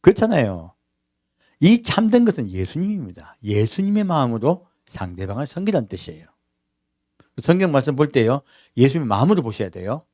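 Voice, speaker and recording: A man's voice: medium pitch, sing-song, a little fast, warm tone, no room sound. Man preaching a sermon, talks right at the congregation, lots of questions, voice jumps all over, dry sound. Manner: conversational preaching with frequent rhetorical questions to the congregation; acts out everyday quotes in character voices. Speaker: pastor. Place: church.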